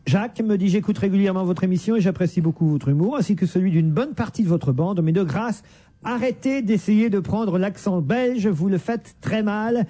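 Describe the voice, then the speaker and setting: A man's voice: high-pitched, normal speed, dark tone. A male radio host reading listener messages aloud in a teasing tone and breaking into laughs. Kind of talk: reading listener mail with banter.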